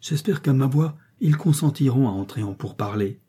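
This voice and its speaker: A man's voice: mid-range voice, animated, normal speed, dark tone, slightly rough. A man playing a torn, emotional young man.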